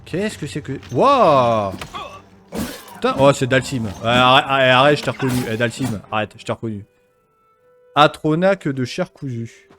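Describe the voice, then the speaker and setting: A man's voice: medium pitch, quick pace, over music. A man hosting a video game let's play, rambling and swearing playfully as he keeps interrupting himself mid-sentence. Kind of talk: casual gameplay commentary.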